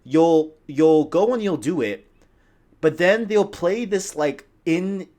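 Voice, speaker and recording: A man's voice: fairly high pitch, animated, takes it slowly, a little mellow. A man co-hosting a casual gaming podcast, talking animatedly in long runs full of "like" and "right?". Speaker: podcast co-host.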